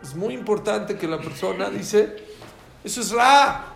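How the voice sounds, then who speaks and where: A man giving an informal, joking talk to a live audience, repeating his key phrases in an animated way. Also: high voice, measured pace, gravelly, echoey room.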